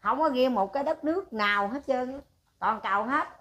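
An older woman, ranting at length in a rough, scolding way and firing rhetorical questions. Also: high-pitched, expressive, fairly quick, fairly bright tone. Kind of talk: heated casual rant.

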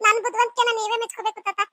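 Woman voicing a bright, high cartoon daughter-in-law, chatty and polite. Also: fairly even intonation, fast, no room sound, studio quality. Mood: cheerful. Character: cheerful young daughter-in-law, clever. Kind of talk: cartoon voice acting.

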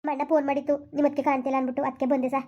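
A caring village sister consoles her brother in a soft, sorrowful way, acted by a woman. Her voice is very high and flat. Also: very fast, highs cut off, close to an everyday voice. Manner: soothing, sorrowful.

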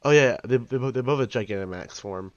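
A man chatting with a friend while they both play, asking quick questions with many restarts. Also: mid-range voice, no echo, highs cut off, soft background music. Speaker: co-player friend. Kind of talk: casual gameplay chat.

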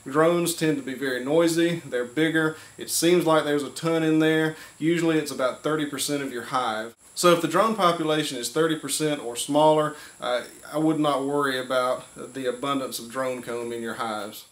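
A man in his thirties giving a relaxed, hands-on beekeeping lesson in a wood-paneled workshop, talking plainly with frequent fillers. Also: on the high side, moderate pace, few pauses. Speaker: beekeeper and channel host. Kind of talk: hands-on instructional talk.

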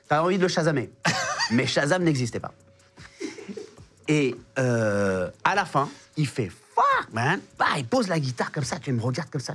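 A man's voice: fairly high pitch, fairly bright tone. A man, a comedian guest, telling an anecdote in casual chat, acting out voices and sound effects between many fillers.

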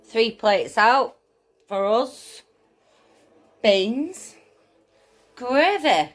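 Woman, Northern English, tipsy and giggly, slow casual kitchen chatter with blunt exclamations. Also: on the high side, expressive. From northern England. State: tipsy from drink. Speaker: home cook vlogger. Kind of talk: casual cooking chat. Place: indoors in a home kitchen.

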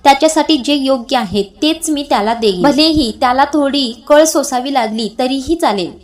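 A woman voicing a stern middle-aged mother who scolds a young woman loudly and sharply. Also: high voice, normal speed, lightly acted. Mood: scolding.

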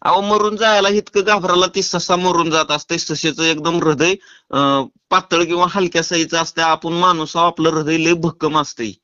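A man is on a prank phone call, speaking in a fairly high voice. He talks in an insistent, pressing way. The call audio is dull and lo-fi. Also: steady tone, moderate pace, bright, forceful tone, clear, resonant tone. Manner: insistent, urgent, then apologetic and teasing. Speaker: prank caller.

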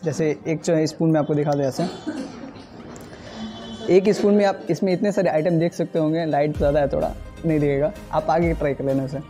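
Inside a restaurant, a food vlogger with a Bihari Hindi accent reviews the food, chatty and enthusiastic and full of fillers. His voice is a little high with a steady tone and a brisk pace. Loud music plays behind him.

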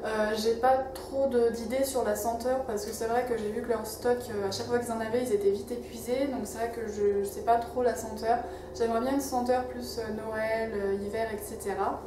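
A woman's voice: a little high, steady tone, fairly quick. Chatty young woman in an echoey room. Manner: chatty, many fillers and restarts. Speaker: beauty vlogger. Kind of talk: casual chat to camera. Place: home office and living room. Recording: echoey room, mic a bit far, faint hiss.

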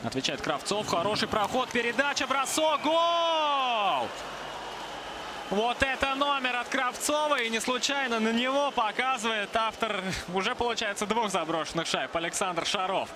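A man giving lively hockey play-by-play commentary. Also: very high-pitched, a little fast. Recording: clear arena background noise.

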